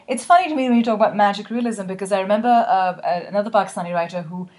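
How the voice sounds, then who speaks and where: Fast-talking woman interviewer. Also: mid-range voice, a little mellow. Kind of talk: casual interview conversation.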